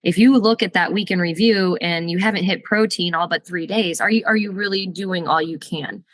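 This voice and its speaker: A woman's voice: lowish voice, normal speed, dry recording. A woman who works as a fitness and nutrition coach, talking in a direct, practical coaching way. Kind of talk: casual podcast conversation.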